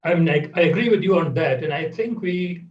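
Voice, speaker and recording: A man interviewing a guest in a measured, hesitant way with many fillers, heard over a video call. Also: fairly high pitch. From India. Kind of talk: conversational interview. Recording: roomy, distant, dull audio.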